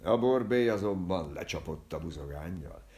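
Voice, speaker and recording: A man reading a literary novel aloud at home, voicing the characters' lines with raised, lively delivery. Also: deep voice. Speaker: audiobook reader.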